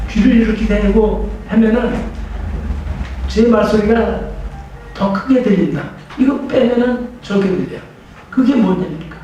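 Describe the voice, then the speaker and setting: An older professor gives a public lecture in a library training room, speaking conversationally with restarts and rhetorical questions. His high voice sounds far from the microphone, and the recording is noisy and echoey.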